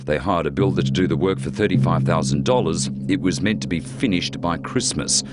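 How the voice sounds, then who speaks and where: A man with an Australian accent delivers scripted TV news narration in a low-pitched, brisk voice. The recording is very noisy, with loud music beneath him.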